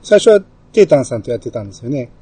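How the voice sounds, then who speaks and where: A man with a Kansai accent hosting a casual podcast chat, relaxed and chatty, with many fillers and small laughs. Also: mid-range voice, very fast, husky. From Kansai, Japan. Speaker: podcast host.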